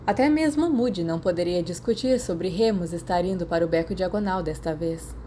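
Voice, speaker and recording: Brisk and mellow, her voice sits on the low side as this Brazilian-accented podfic narrator reads a story in scripted audiobook style. The recording has clear background noise.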